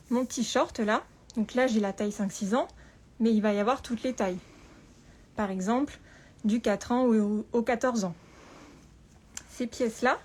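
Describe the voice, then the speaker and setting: A woman with a fairly high voice gives an informal hands-on lesson through a face mask, which slightly muffles her words. She speaks carefully and deliberately, pausing often. There is noticeable background noise in the recording. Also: darkish tone. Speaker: patternmaker presenting a lesson. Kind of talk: spoken tutorial with informal explanations. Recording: clear background room noise.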